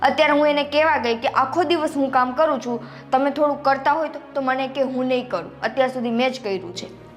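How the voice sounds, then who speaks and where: A woman's voice: high-pitched, quick pace, soft background music, close to an everyday voice. A young woman playing a fed-up, overworked younger daughter-in-law who complains sharply. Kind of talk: family drama acting.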